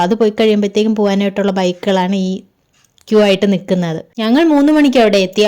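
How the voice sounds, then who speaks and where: Female travel vlogger, southern Kerala accent. Brisk, mellow, casual voice-over, Malayalam peppered with English. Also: medium pitch. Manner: mixes English words into Malayalam. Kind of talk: casual voice-over narration of a day trip.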